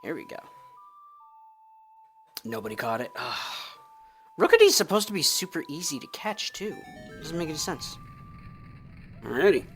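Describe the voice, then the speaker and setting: A man's voice: fairly high pitch, wildly swooping pitch, normal speed, long pauses, a bit bright, faint music behind. A man streaming a video game and chatting casually over it, joking and laughing often. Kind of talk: casual let's-play commentary.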